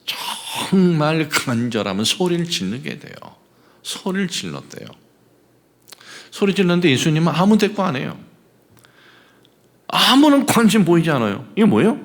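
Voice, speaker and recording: Animated, bright-voiced preaching pastor. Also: male voice, fairly high pitch. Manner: emphatic preaching with rhetorical questions to the congregation. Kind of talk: sermon. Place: church sanctuary.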